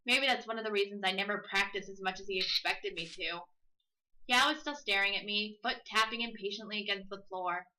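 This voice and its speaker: Bright-voiced woman reading a game aloud. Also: medium pitch, poor audio. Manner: playful, drawls dialogue slowly for comic emphasis. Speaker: let's play host. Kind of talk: reading a visual novel aloud with casual commentary.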